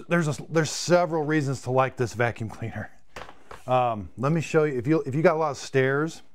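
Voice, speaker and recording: Demonstrating cleaning products live, a chatty, enthusiastic reviewer in his fifties keeps repeating words while his voice gives out. He has a mid-range voice and broadcasts from a home studio room full of vacuum-stocked shelves.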